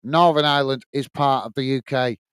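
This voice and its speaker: Here a man with a thick Lancashire accent calls the action on a live football watch-along, chatting and reading out viewer messages with frequent filler "uh"s. His medium-pitched voice is steady, a little fast, fairly bright and smooth, with no room sound.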